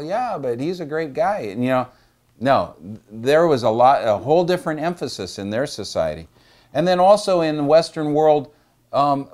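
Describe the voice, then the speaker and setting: A man's voice: medium pitch, darkish tone. A man teaching about the Bible in a loose, conversational way, with frequent "you know" asides and restarted phrases.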